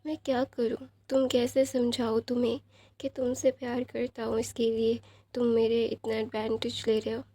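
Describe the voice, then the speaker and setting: Tearful young man, read by a woman, plaintive, dark and gravelly tone. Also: a little high, level tone, moderate pace, no echo.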